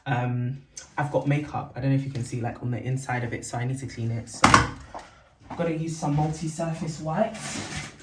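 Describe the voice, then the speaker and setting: A young woman chatting casually to the camera for her vlog, rambling and correcting herself with lots of fillers, recorded at home. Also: rumbling low. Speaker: vlogger. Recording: roomy, distant, faint background noise.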